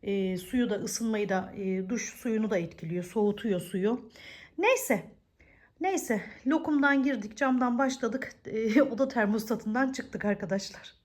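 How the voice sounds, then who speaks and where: A woman's voice: fairly high pitch, measured pace. Woman, home vlogger with a stuffy nose from a cold, chatty and blessing-filled, filming on a phone indoors. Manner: chatty, warm greetings and religious blessings. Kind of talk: casual home vlog chat.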